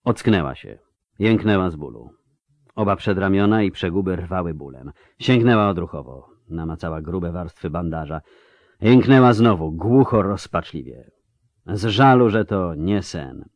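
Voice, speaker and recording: A man's voice: low voice, animated, normal speed, a little mellow, no room sound, muffled recording. A man narrating a fantasy audiobook with a dramatic, varied delivery.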